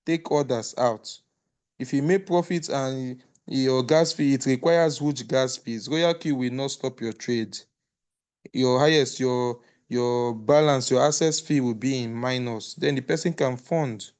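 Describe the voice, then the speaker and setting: A man with a smooth, resonant voice guides the call to a close. He speaks hesitantly, pausing on "uh" and restarting his sentences while he gives earnest advice. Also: medium pitch, a little mellow. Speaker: call moderator. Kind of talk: casual group call, closing remarks.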